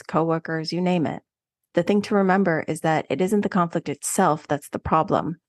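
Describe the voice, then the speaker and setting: Low-voiced woman giving frank relationship advice. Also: dry recording, studio quality. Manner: direct, conversational advice with emphatic asides. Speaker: podcast co-host. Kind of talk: solo relationship advice segment.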